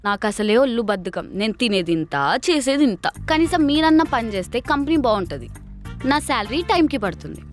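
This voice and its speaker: An actress playing a lazy, sarcastic office worker who answers everyone with wisecracks. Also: female voice, a little high, very animated, brisk, faint music behind. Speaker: office employee avoiding work. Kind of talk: web series acting.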